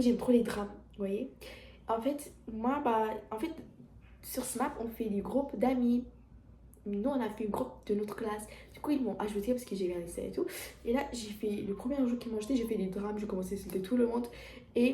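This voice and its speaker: A woman's voice: on the high side, warm tone, echoey room, a little hiss or hum. A teenage girl with a French accent, talking casually to her viewers in a rambling confessional vlog at home, full of restarts and fillers. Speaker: vlogger. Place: at home, indoors.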